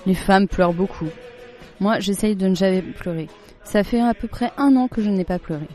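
Reader as a tough-talking little boy in an audiobook, warm tone. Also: mid-range voice, normal speed, soft background music, close to an everyday voice. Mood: boastful.

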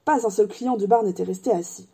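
Dark, husky woman narrating a storybook. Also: medium pitch. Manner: measured, even storytelling. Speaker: audiobook reader.

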